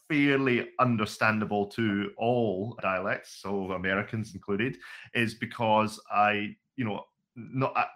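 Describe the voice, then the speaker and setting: Speaking in a fairly low, sharp-toned voice, this podcast co-host from Scotland, in his forties, shares stories with dry, self-mocking wit. The casual chat takes place in a home room packed with vintage computers.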